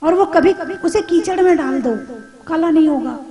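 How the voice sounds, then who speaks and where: High-voiced woman preaching with mellow warmth. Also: normal speed. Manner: conversational, with rhetorical questions and gentle humor. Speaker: Jain nun giving a discourse. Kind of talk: sermon.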